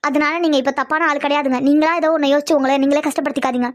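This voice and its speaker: A woman voicing the wife and mother in an animated family drama, speaking in a pleading, soothing way. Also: high voice, racing. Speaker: cartoon voice artist voicing the women of the family.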